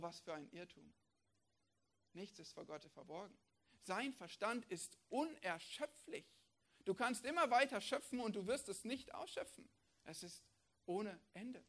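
A male preacher delivering a sermon with strong conviction. He fires off rhetorical questions, then drops to a quiet, intense tone before rising again. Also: high-pitched. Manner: emphatic, fires off rhetorical questions, swings between loud and hushed.

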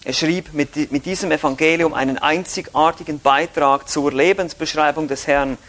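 A man preaching a Bible teaching with a Swiss German accent, speaking emphatically with rising stresses and low drops. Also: fairly even intonation, moderate pace, a bit bright. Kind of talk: sermon-style Bible teaching.

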